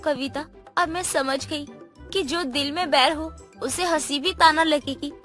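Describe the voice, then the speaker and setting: A woman's voice: high voice, unhurried, sharp tone, soft background music. A woman voicing a fierce young daughter-in-law in a cartoon. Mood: remorseful. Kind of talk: cartoon voice acting.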